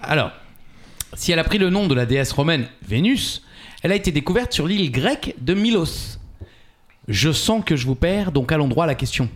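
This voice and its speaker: A man's voice: a little high, lively intonation, a little fast. A man hosting a podcast quiz among friends, reading out questions with jokes and asides. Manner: joking, reads questions aloud. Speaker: quiz host. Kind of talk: casual quiz banter.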